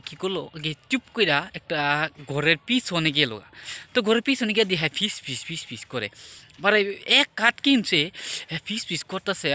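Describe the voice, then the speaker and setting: A man telling a story to his viewers in a chatty, conversational way, often dropping into hushed tones. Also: on the high side. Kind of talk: casual storytelling monologue.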